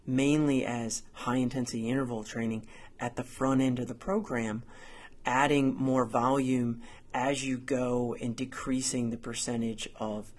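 Male podcast coach, mid-pitched and a touch husky, upbeat and orderly advice-giver with an explanatory delivery. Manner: organized, explanatory, measured. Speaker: podcast host and endurance coach.

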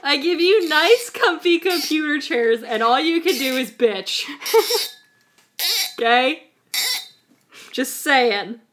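A woman's voice: high voice, animated, takes it slowly, pauses often, fairly bright tone. Blunt, swearing woman podcast host. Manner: blunt, bossy and profane. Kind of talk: casual chat. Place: at home.

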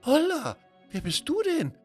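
A man's voice: high-pitched, big pitch swings, normal speed, breathy edge, soft background music, voice pushed up, full character voice. A man voicing a curious, brave little girl of five who talks in an eager, wondering way. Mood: amazed.

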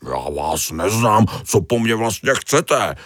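A man's voice: low-pitched, expressive, dry recording, studio quality. A man voicing a grumpy, self-pitying male starfish in a storybook reading, whiny and protesting. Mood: grudging. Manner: whiny and protesting, slow pleading.

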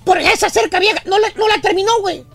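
A Mexican man hosts a comic radio rant, with a very high voice and a gravelly, fry-laden edge. He scolds and mocks as he tells his story, acting out the people in it. Soft music plays under him. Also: quick pace, no echo. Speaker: radio comedy host.

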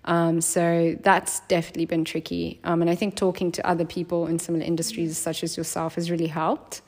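A woman's voice: lowish voice, monotone, brisk, a little mellow. A woman hosting a podcast, chatting casually and encouragingly with her guest and using a lot of filler words. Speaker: podcast host. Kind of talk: casual interview chat.

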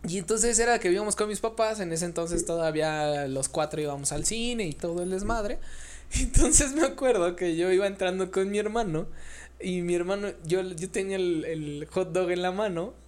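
A young man with a Mexican Spanish accent, chatting casually and telling stories in an animated, slangy way. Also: high-pitched, normal speed. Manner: animated storyteller, slangy, acts out quotes. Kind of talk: casual chat.

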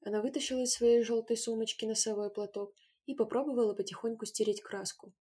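A woman narrating a storybook with an expressive reading that gives each character its own voice. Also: on the high side, quick pace, husky. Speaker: audiobook narrator.

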